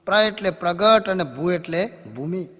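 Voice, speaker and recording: A man telling devotional folk stories in a preachy, jokey and animated way. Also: high voice, normal speed, big-room sound. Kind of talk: devotional storytelling sermon.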